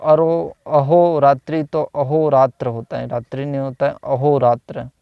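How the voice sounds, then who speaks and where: A man reads out a Hindi grammar lesson slowly, drilling one word after another and repeating each corrected word with "तो ... होता है". His medium-pitched voice is gravelly yet smooth and resonant, and he hesitates with fillers and self-corrections. The recording is dry and slightly dull, like a cheap microphone, with no room sound.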